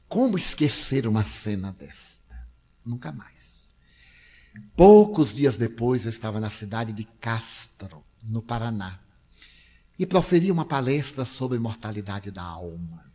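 This older spiritist lecturer, who has a Brazilian accent, has a fairly low, dark voice with a breathy edge. He delivers an emotional, storytelling lecture from a stage to an audience, dramatizing his words and performing the voices of those he quotes.

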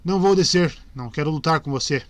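A man's voice: fairly high pitch, fast, no echo, lightly acted. A man voicing an earnest young male knight who insistently pleads and refuses, in a dry close recording. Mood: pleading.

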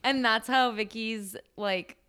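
A woman co-hosting a podcast in a casual chat, playful and teasing, with quick reactions and frequent laughs. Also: fairly high pitch, pushed and bright, smooth. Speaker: podcast co-host.

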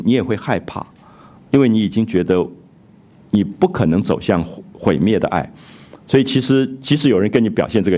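A man giving a reflective, expressive lecture on a classic novel, retelling scenes and explaining them. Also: on the low side. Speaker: literature lecturer.

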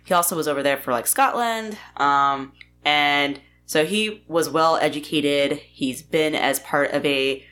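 A woman's voice: low-pitched, unhurried, fairly bright tone. A woman co-hosting a podcast, telling history in a rambling, casual way with many fillers and some swearing. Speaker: podcast co-host.

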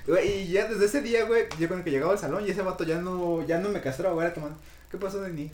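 A man's voice: high voice, very fast, darkish tone, echoey room. A young Mexican man telling a story in casual chat, rambling and full of slang and swearing. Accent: Mexican Spanish.

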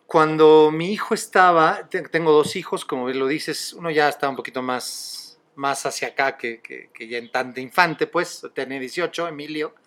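A man's voice: a little high, moderate pace, few pauses, fairly bright tone. A middle-aged man with a Mexican accent hosting a podcast, telling stories in a chatty, casual way and laughing easily. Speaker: podcast host. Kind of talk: casual conversation.

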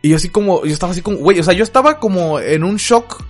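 A young man with a Mexican accent, co-hosting a casual podcast and telling a story in quick, slangy speech full of filler words. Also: sits high, faint music behind. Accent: Mexican Spanish. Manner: slangy, fast, peppers every phrase with filler. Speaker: podcast co-host.

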